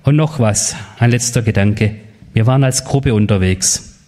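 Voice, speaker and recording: A man's voice: fairly low pitch, moderate pace, dark tone. A man, a pastor, giving a confirmation sermon to teenagers. He tells a story and speaks the quoted voices in it, then puts questions straight to the young people. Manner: storytelling, quoting voices in the tale; addresses the teens directly with questions.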